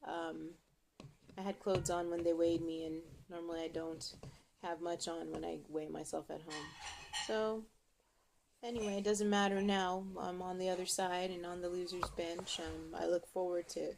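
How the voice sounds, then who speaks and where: Lower-pitched woman, casual halting vlog chat. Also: a little mellow. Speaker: vlogger. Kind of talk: casual video diary, chatting to viewers.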